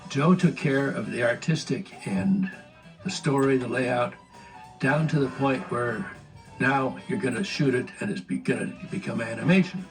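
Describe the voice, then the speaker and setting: Older ex-animator guy, rough gravelly voice, storytelling, mic kinda far. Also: medium pitch, moderate pace. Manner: anecdotal, storytelling. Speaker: former studio animator. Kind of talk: reminiscing interview. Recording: distant mic with music underneath.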